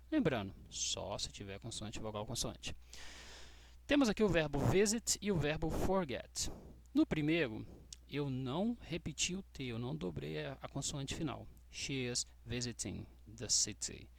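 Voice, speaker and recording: A Brazilian man teaching English grammar to students, patient and checking in often with short questions, spelling out letters slowly. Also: on the high side, gravelly. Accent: Brazilian Portuguese. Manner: spells out letters slowly, stressing key words. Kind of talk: explaining grammar rules to students.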